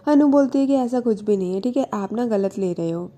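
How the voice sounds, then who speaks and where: A woman's voice: fairly high pitch, animated, a little fast, mellow. A woman narrating a love story in a chatty, casual way, sprinkling in English words.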